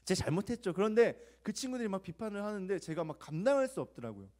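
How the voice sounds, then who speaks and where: A young man gives a youth sermon in a chatty, confessional tone, leaning on rhetorical questions. His voice sits a little high for a man, and he acts out the voices in his stories with sudden loud bursts. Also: big pitch swings, fast. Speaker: youth pastor. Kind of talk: sermon to teenagers.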